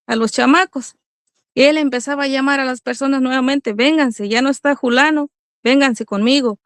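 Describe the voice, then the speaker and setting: A woman's voice: high-pitched, no echo, clean studio sound. A middle-aged woman giving an earnest religious testimony as a mother, speaking to her listeners as brothers.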